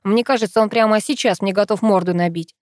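A woman's voice: mid-range voice, fast, darkish tone, no echo, studio quality, natural voice. A woman voicing a cocky, joking teenage boy in an audiobook, drawling and teasing.

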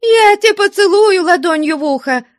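A woman's voice: sits high, expressive, a little slow, dry recording, clean studio sound, voice pushed up. A woman reading a story, voicing a mischievous young woman who scolds and mocks her suitor. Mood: shooing. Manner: scolding, mocking, laughing. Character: young woman, mischievous, teasing, sharp-tongued. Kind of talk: audiobook character voice.

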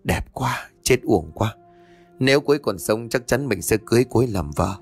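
A man voicing a curious young man in an audio story, murmuring softly to himself. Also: medium pitch, expressive, normal speed, husky, faint music behind. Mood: awed.

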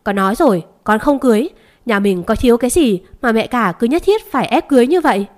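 A woman voicing a stubborn, quick-tempered young master who speaks curtly and forcefully. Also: mid-range voice, close to an everyday voice. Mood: angry.

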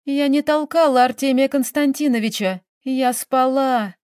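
A young noblewoman in an audiobook, put on by a woman reader, higher than the narration and pressing. She sounds plaintive and bitter, defiant underneath. The read is dry and close. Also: a little slow, a little mellow, dry recording. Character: young countess, emotional, defiant, tearful.

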